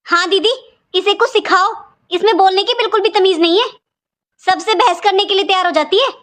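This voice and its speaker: A woman voicing a harsh, stingy aunt in a cartoon, scolding in a sharp-tongued way. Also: very high voice, brisk. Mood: complaining. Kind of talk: cartoon voice acting.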